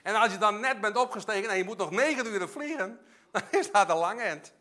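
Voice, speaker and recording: A man's voice: high-pitched, lively intonation, brisk. A man preaching a sermon, emphatic and passionate, often repeating and restarting his phrases. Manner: emphatic, rising to loud passionate peaks.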